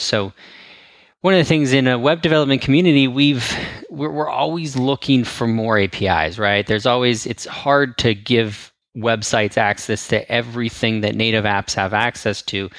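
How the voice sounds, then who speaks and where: Texas guy on a tech podcast, lowish voice, super dry mic, explains stuff eagerly. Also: a bit bright, no room sound. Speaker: podcast guest. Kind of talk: casual tech podcast chat.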